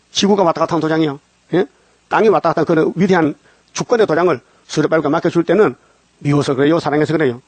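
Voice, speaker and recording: A man preaching a dawn sermon, scolding his listeners with rhetorical questions and reading scripture slowly. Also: a little high, a little mellow, dry recording. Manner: acts out quoted voices, reads scripture slowly. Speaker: pastor.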